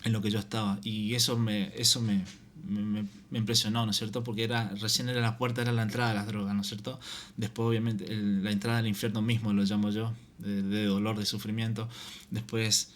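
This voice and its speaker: A man gives his personal faith testimony, halting and restarting often and tagging his sentences with a repeated question. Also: lowish voice, little pitch movement.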